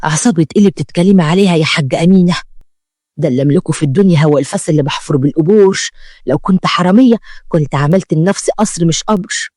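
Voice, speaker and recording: A defiant, poor Egyptian woman who digs graves, read by a storyteller. She talks fast and insistently, pleading and determined. The recording is dry and close. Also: medium pitch, darkish tone, dry recording, lightly acted. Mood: indignant. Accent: Egyptian Arabic.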